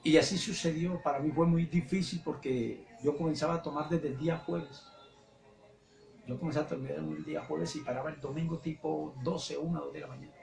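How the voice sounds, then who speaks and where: Gravelly Colombian man giving testimony. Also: fairly high pitch, steady tone, brisk, darkish tone. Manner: earnest, repeats phrases while recounting. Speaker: testimony speaker. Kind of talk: religious testimony. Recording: echoey room with background music.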